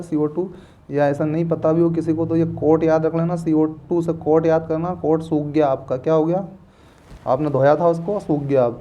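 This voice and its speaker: A man's voice: a little high, mellow. Playful man teaching. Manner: playful, repeats and quizzes students. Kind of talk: classroom lecture with memory tricks. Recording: dull lo-fi recording.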